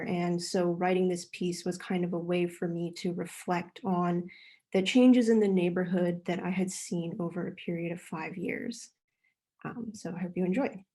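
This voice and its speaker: A woman reading her own literary essay aloud in a measured way over a video call, after a brief introduction. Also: on the low side, fairly even intonation, dark tone. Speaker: reader, author.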